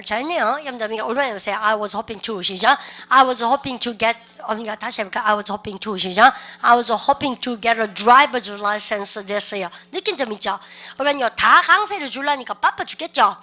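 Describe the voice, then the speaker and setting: A woman teaches English with a bright, forceful edge to her voice. Her voice sits a little on the high side. She quizzes her class again and again and stretches out English words slowly for pronunciation practice. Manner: drills students with repeated questions; slow, exaggerated English pronunciation drills. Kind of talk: lively classroom-style lesson.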